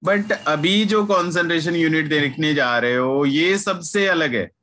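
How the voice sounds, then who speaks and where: A man's voice: fairly high pitch, unhurried, pushed and bright. A man teaching a chemistry class online, patiently repeating key points and mixing English terms into his talk. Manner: mixes Hindi with English terms; addresses students familiarly as "yaar" and "bachche".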